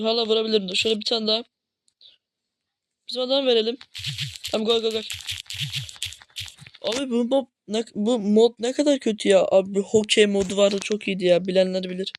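Frustrated gaming commentator, grumbling at teammates. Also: medium pitch. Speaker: gaming channel host. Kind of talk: gameplay commentary. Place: at home.

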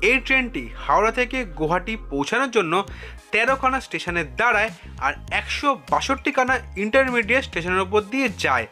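A man reading scripted voice-over narration in an even, measured way. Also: high-pitched, soft background music. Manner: even, measured, reads facts and figures.

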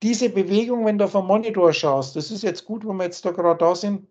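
A man's voice: high voice, fairly quick, a little mellow. Man lecturing insistently over muffled call. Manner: emphatic, insistent, repeats key points. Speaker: spiritual teacher. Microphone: video call.

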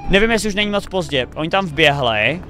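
High, bright excitable young man. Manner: excitable, thinking aloud, cheering the players on. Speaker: reaction video host. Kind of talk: excited reaction commentary. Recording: faint music behind the voice.

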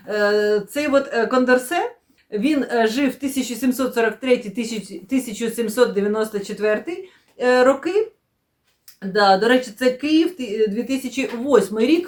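A book vlogger with a slightly high voice chats casually while unboxing new books. She rambles with many fillers and self-corrections, often slipping into quiet, murmured asides.

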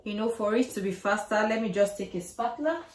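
In her home kitchen, a middle-aged woman casually walks the camera through each cooking step, her mid-range voice moving a little fast. A camera across the room captures her, and the kitchen sounds echoey with faint noise.

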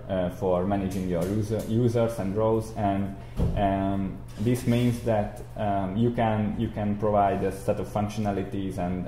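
In an echoey indoor room, a young adult tutorial instructor with a low voice and warm tone gives an explanatory software screencast lecture beside a screen recording. Background noise can be heard.

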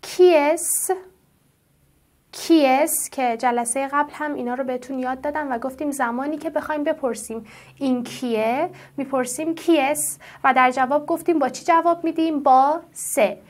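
A woman teaching French who draws out each French word slowly and asks her students questions. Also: sits high. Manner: slow, drawn-out pronunciation of French words; explains patiently and asks the class questions. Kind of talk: classroom-style language lesson.

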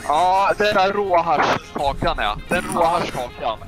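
A man leading a game raid over voice chat, shouting orders at his team. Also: on the high side, expressive. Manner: yells orders, often shouting. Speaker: raid leader. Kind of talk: gaming voice chat. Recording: game music behind the voice.

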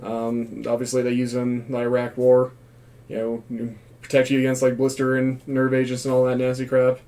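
A man's voice: mid-range voice, monotone, normal speed, warm tone. A man in his thirties giving a casual vlog review in a small room. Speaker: gas mask reviewer, former Marine.

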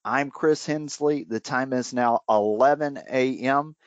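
A man hosting a radio money show from his bedroom, relaxed and chatty with many fillers. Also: mid-range voice, measured pace, clean tone, dry recording. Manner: relaxed, chatty, frequent fillers and small laughs. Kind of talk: casual radio interview. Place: home bedroom. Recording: slightly dull, dry home recording.

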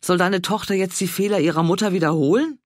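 A man voicing a brash, bossy older woman in an audiobook, loud and emphatic, coaxing one moment and scolding the next. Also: fairly low pitch, fast, no room sound, studio quality, voice pushed up, lightly acted. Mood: indignant. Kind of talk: audiobook character voice.

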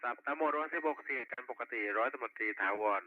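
Quick-talking male police dispatcher over walkie-talkie. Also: mid-range voice. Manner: speaking over walkie-talkie, clipped and formulaic. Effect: two-way radio. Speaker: police radio dispatcher at net control. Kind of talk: procedural police radio roll call, reading back reports. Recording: tinny narrowband walkie-talkie with faint noise.

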